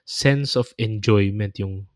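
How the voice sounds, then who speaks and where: A man's voice: fairly low pitch, slow, dry recording, clean studio sound. A man with a Filipino accent hosting a reflective podcast, talking in an earnest, preachy way and pressing his points home. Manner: earnest, preachy exhortation, growing louder and insistent. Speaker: podcast host. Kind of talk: reflective podcast talk, mixing Tagalog and English.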